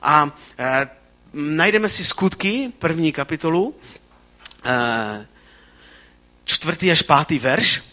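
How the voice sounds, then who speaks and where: Male preacher, sermon delivery, animated and fervent, bright tone, restarts mid-phrase. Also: fairly high pitch, long pauses.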